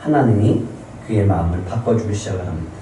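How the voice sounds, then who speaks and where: A man's voice: on the low side, lively intonation, fast, background noise. A male pastor giving a Sunday sermon in a church and putting many questions to the congregation. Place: church sanctuary. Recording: very echoey church hall, mic at a distance.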